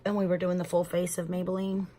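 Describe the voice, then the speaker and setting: On the low side with a dark tone and little pitch movement, this woman talks fast over a slight hiss or hum. She's a Texan beauty vlogger in her thirties, rambling chattily through a makeup tutorial at home and addressing viewers as y'all.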